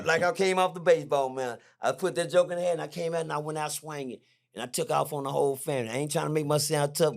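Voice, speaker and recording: A middle-aged man, a podcast guest, telling a story in a lively, slangy way, repeating himself and jumping high when excited. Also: vocal fry. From Texas. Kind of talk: animated storytelling. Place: podcast studio.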